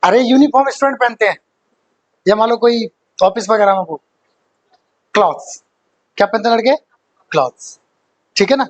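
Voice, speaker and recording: A man's voice: high voice, normal speed, pauses often, poor audio. A man teaching an exam-prep grammar lesson, joking with his students, quizzing them and laughing often.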